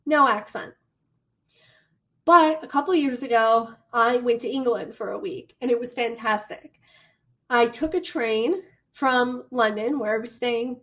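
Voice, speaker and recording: Woman, Midwestern American accent, college lecture, slightly high voice, chatty storytelling. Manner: chatty, animated storytelling with asides. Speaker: college communication instructor. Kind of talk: recorded lecture.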